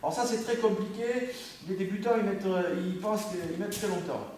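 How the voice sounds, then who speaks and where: A judo instructor with a French accent coaches a student on the mat of an indoor dojo, correcting him, repeating himself, and breaking off mid-phrase. His voice is high-pitched, a little fast and a little mellow, with slight background noise. A camera across the room picks him up from far off in a very echoey space.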